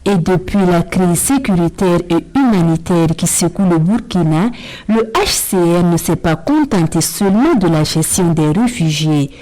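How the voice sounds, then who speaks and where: A woman's voice: on the low side, expressive, normal speed, warm tone, low-quality recording. A woman reporter voicing a TV news story in a formal, scripted way.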